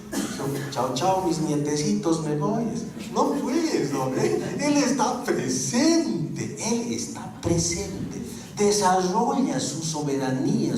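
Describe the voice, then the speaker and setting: A man teaching a Bible course, lecturing a class with lively rhetorical questions. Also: fairly high pitch. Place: school classroom. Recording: very echoey room, mic far off, faint noise.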